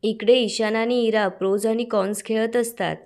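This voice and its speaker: A woman recapping a TV serial episode in a steady, plain storytelling voice. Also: a little high, moderate pace.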